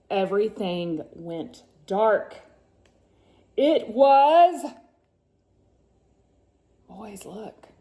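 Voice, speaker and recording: Here a mom gives a slow, theatrical read-aloud of a picture book to her sons, full of suspense, drawn-out words and chatty asides. Her voice sits in the mid-range and sounds warm.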